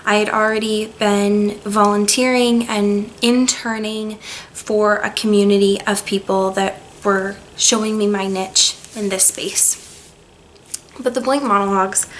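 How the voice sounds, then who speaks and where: A young woman talking to camera in a personal, reflective vlog, hesitant and soft-spoken, with pauses and restarts. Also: medium pitch, slight background noise, poor audio. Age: young adult. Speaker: vlogger.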